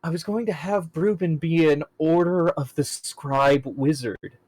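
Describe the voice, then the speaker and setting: A woman's voice: low voice, a little slow, darkish tone, husky, low-quality recording. A woman player chatting and joking at a tabletop game, laughing often. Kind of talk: casual tabletop chat.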